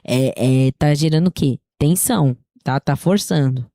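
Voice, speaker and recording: A woman's voice: low-pitched, unhurried, warm tone, no room sound, studio quality. A woman singing teacher with a slightly sore throat, giving a casual spoken lesson, explaining things in a chatty way and often checking in with her listeners.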